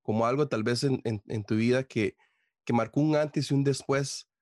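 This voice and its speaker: A man with a Costa Rican accent hosting a podcast interview, asking his guest questions with many pauses, fillers and restarts. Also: mid-range voice, darkish tone, dry recording, clean studio sound. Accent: Costa Rican Spanish. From Costa Rica. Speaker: podcast host. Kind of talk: casual interview.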